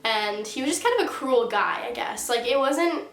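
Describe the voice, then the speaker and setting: A YouTuber in her late teens tells a storytime vlog in a chatty way, saying "like" constantly, her nose stuffy and congested from a sinus infection. Her voice is fairly high, animated, gravelly, and fairly bright at a moderate pace, with a roomy echo.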